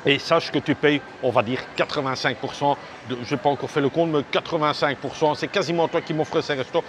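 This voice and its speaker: A man's voice: fairly high pitch, steady tone, fairly quick. Rambling man vlogging on a noisy street. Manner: rambling, heavy on fillers and restarts; chatty and direct, addressing viewers. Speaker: travel vlogger. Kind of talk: casual walking vlog talk. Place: outdoors on a busy seaside street. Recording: street and traffic noise behind.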